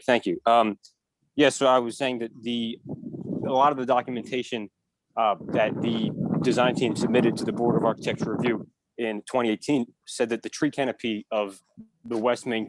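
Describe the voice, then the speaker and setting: A man calling in to give public comment, his call audio choppy with volume cutting in and out, speaking haltingly with many fillers. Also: medium pitch, noisy background. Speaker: public commenter calling in to a city council meeting. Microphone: remote call-in line.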